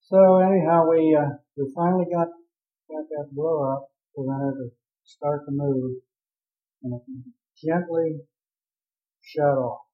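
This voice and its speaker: A man's voice: fairly high pitch, fairly even intonation, unhurried, pauses often. A man who captained a drilling ship, telling a vivid, rambling story in an oral history interview. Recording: tinny phone-like audio.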